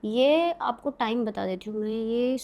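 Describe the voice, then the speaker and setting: Woman podcast guest, slightly high voice, casual and dramatic storyteller. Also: animated, unhurried, gravelly, darkish tone. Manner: dramatic, suspenseful narration in short vivid bursts.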